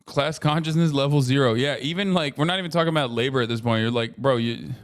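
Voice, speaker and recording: A man's voice: mid-range voice, quick pace. A man in his thirties, a streamer talking casually and profanely in a rambling way while reacting to a video. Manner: profane, rambling, frequent "you know what I mean".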